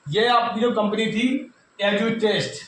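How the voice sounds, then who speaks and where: A YouTube exam news presenter with a North Indian accent speaks slowly in a high, animated, slightly bright voice, giving students an informal explanatory update. He repeats his points and addresses listeners directly, recorded with a distant mic in a very echoey indoor room with faint noise.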